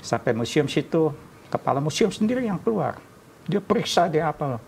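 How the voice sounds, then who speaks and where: A man's voice: fairly high pitch, very animated, normal speed, gravelly, darkish tone, slight background noise. A man guest telling stories in casual chat, acting out the dialogue and laughing often.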